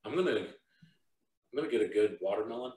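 Deep-voiced guy rambling through a whiskey chat, kinda far off the mic in an echoey room. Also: lively intonation, moderate pace, darkish tone. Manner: laid-back, rambling with fillers. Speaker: podcast host. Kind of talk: casual chat. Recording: roomy, from a distance.

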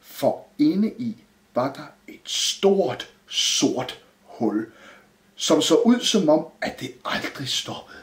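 A man reading a children's Christmas story aloud in a lively storytelling manner. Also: fairly high pitch. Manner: lively, sing-song storytelling. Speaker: narrator. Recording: roomy echo.

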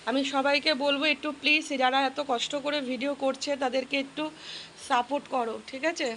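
A woman's voice: sits high, fairly even intonation, fairly quick, a bit bright, slight background noise. A woman vlogging casually around her home and yard, coaxing and chatty, often repeating herself. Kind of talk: casual vlog narration. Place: home and yard with wood stove.

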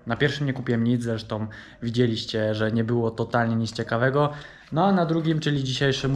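A man's voice: mid-range voice, darkish tone, slight background noise. A man chatting casually in a vlog, talking straight to his viewers from the car, the shops and his home. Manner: chatty, addresses viewers directly. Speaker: vlogger.

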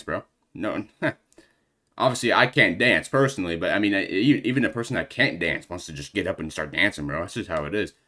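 A young man with a notably low voice chats casually to his viewers. He rambles in slangy, filler-heavy talk, a bit out of breath. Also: sharp tone. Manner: rambling, loose slangy chat with lots of fillers. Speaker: reaction video host. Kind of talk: casual reaction commentary.

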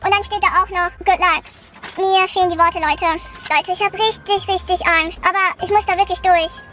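A young woman vlogging to camera in a car and outdoors at night, anxious and often addressing her viewers, with her voice sped up and squeaky. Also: steady tone, normal speed, bright, forceful tone. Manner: anxious, keeps calling the viewers "Leute". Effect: sped up, squeaky high pitch. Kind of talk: horror challenge vlog to camera. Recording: background music under the voice.

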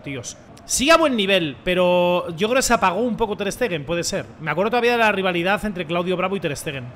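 Young male gaming streamer, high bright voice, excitable slangy banter, faint noise behind. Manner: excitable, shouts on goals, slangy banter with viewers. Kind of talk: let's play commentary.

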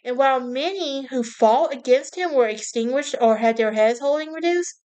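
Lady podcast host chatting about history, kinda high voice, trips over names a lot. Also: moderate pace, a little mellow. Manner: chatty, stumbles over names, laughs at herself. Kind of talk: casual history podcast narration.

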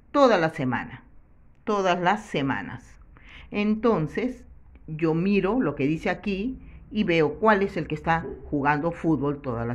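Slow, low-voiced woman teacher, muffled recording. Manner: repeats each word then translates it. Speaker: English teacher. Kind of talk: slow, patient classroom instruction.

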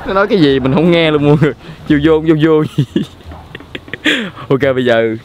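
A young man with a Southern Vietnamese accent hosting a prank vlog, bantering and teasing rapidly while outdoors on a street. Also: fairly high pitch, expressive, darkish tone, muffled recording. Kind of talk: casual prank commentary. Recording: noisy outdoor street recording.

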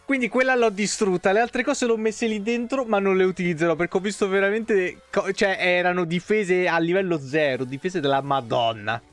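A man's voice: high-pitched, a little fast, hardly any pauses. A young man with an Italian accent and a sore throat, streaming a game from home on a headset mic and chatting casually, greeting viewers by name and swearing freely. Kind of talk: casual live-stream chat. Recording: faint music behind.

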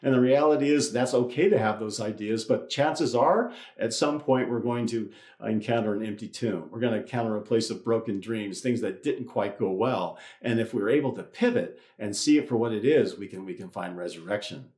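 A man's voice: lowish voice, moderate pace, hardly any pauses, darkish tone. A man giving a conversational Easter sermon, often restarting and repeating words as he goes. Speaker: priest. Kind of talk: Easter sermon with a told joke. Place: church. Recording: roomy church echo.

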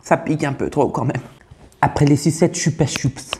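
A man's voice: on the high side, moderate pace, darkish tone, natural voice. A man playing a brash, crude female farmer with a Burgundian accent in a comic sketch. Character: brash middle-aged female farmer from the countryside. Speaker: taste-tester.

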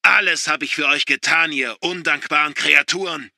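A furious middle-aged father hurls scorn in a raised, strained shout, voiced by a man reading a story. The voice sits higher than normal speech and rings hard and bright. The sound is dry and close, with no room around it. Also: normal speed, no echo. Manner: shouting, contemptuous.

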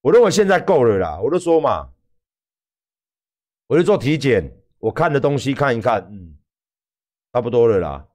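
A man in his forties with a Taiwanese accent, ranting loudly and profanely to viewers on a livestream. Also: medium pitch, moderate pace, pauses often. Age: 40s. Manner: loud, profane, animated. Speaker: livestream host.

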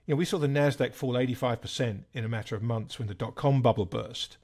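A man in his sixties, a guest on an interview, explaining in a measured, thoughtful way. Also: mid-range voice, a little mellow. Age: 60s. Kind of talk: conversational interview.

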